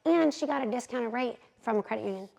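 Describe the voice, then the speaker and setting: Fast-talking woman with a gravelly edge. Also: fairly high pitch, lo-fi sound. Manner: animated, candid, acts out quotes. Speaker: realtor, podcast guest. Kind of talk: lively storytelling in an interview.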